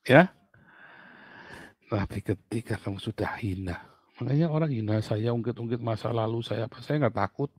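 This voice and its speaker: Animated male preacher, dry sound. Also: mid-range voice, normal speed, pauses often, no room sound. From Indonesia. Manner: animated, storytelling with asides and laughs. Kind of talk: sermon.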